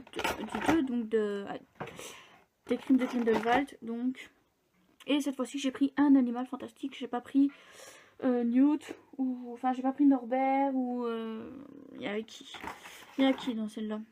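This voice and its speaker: A woman's voice: high-pitched, fairly even intonation, normal speed, dark tone, slight background noise. A young woman chatting casually in a book vlog, rambling with fillers and restarts. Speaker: book vlogger. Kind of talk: casual chat.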